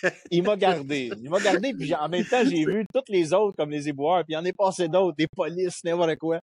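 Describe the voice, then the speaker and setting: A man with a Québécois accent, a podcast guest telling a casual anecdote with lively quoted voices. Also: a little high, fairly quick, slightly rough, no echo. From Quebec. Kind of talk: casual storytelling chat.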